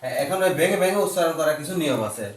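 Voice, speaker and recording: A male teacher giving a basic grammar lesson to a child, speaking slowly and patiently and spelling words out letter by letter. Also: a little high, animated. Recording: echoey room, voice from far off.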